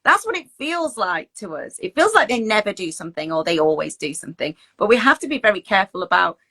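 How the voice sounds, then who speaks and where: A teacher well-being coach and host speaks in a mid-range, husky voice that's sing-song, fast and sharp. She gives informal advice in a chatty, reassuring, conversational way, acting out example phrases as she goes.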